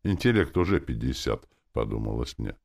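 A man narrating a first-person audiobook in a wry, expressive reading. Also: rumbling low, normal speed, gravelly.

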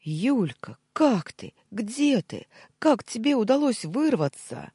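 A man's voice: very high voice, big pitch swings, slow pace, dark tone, husky, dry recording, clean studio sound, pitched above the performer's own voice, heavily acted. A man doing a barking, impatient ex-boss. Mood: urgent. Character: agitated man, brusque former boss. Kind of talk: audiobook character voice.

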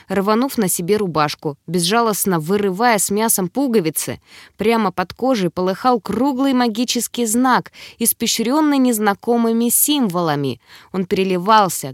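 A woman narrating a fantasy novel aloud in an expressive, dramatic first-person reading. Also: a little high, dry recording, studio quality. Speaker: audiobook narrator.

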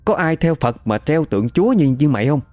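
A man's voice: medium pitch, sing-song, normal speed, a little mellow, no room sound, soft background music. A man voicing an old man who scolds with contempt. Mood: scornful. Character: stern frail old man scolding a fake medium.

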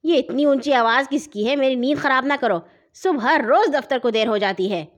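A woman's voice: high voice, close to an everyday voice. Drowsy dad in a kids' audio story, grumbling and half asleep, read by a woman. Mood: grumpy. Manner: sleepy, grumbling. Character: drowsy father grumbling from his bed.

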